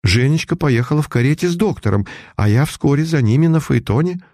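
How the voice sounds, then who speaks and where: A man reading the lines of an anxious young woman in a storybook, his voice lifting higher. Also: animated, fairly quick, a little mellow, no room sound, clean studio sound.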